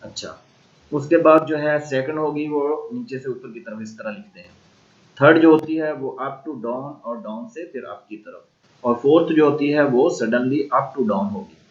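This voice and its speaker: A man with a Pakistani accent teaching an online language class, slowly drilling and repeating sounds. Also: medium pitch, lo-fi sound. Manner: slow repeated drilling of tones.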